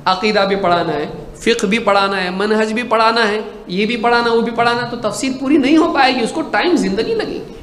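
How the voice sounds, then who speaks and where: Animated high-voiced man preaching in a hall. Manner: animated, rhetorical questions, acts out little dialogues. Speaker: Islamic preacher. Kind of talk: sermon-style lecture. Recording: echoey hall with faint noise.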